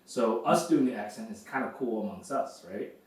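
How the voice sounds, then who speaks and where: A man co-hosting a podcast in casual chat, relaxed and swearing casually. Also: fairly low pitch, normal speed. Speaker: podcast co-host. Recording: echoey room, far from mic.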